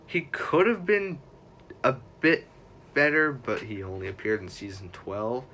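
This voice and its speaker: A man's voice: mid-range voice, big pitch swings, unhurried, bright, forceful tone, a little hiss or hum. A young man hosting a livestream in a casual, rambling way, correcting himself often as he chats. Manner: rambling, self-correcting, chatty fan talk. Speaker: livestream host.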